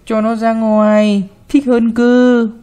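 A man's voice: very high voice, flat delivery, slow pace, dark tone, smooth, voice pushed up. A man voicing a spoiled little boy in a read-aloud story, sulky and pleading. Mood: whiny.

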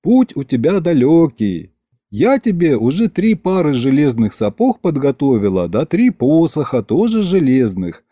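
A man's voice: a little high, very animated, unhurried, mellow, no room sound, clean studio sound, voice pushed up. A man voicing an affectionate, teasing young peasant wife who talks in a folksy, coaxing way.

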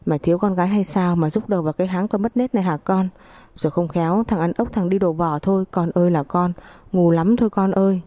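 A furious older mother-in-law spits insults and wails to her family , as a woman storyteller reads her lines. The voice sits low and mellow, recorded close and dry with no room around it. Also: fast talker, no echo, dull audio, lightly acted. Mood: wailing. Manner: screaming insults, wailing.

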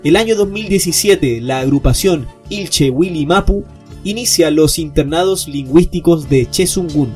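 A man with a slightly high voice reads scripted documentary narration in a measured, even way. Faint music plays beneath his voice. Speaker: podcast narrator. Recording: narration over background music.

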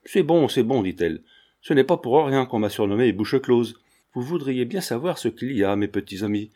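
A man's voice: medium pitch, animated, normal speed, warm tone, natural voice. A man reading the part of a boastful, quarrelsome old village mother in a storybook. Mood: smug. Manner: quarrelsome, teasing.

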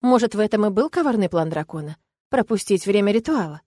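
A woman narrating a first-person fantasy romance audiobook in a lively, expressive way. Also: medium pitch, quick pace, slightly rough, dry recording. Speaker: audiobook reader. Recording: dry close recording.

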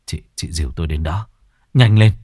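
A man's voice: low-pitched, fairly even intonation, fast, warm tone, husky, no room sound, clean studio sound. Narrator voicing a feverish young man, strained and stammering, pushing through weakness. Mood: desperate.

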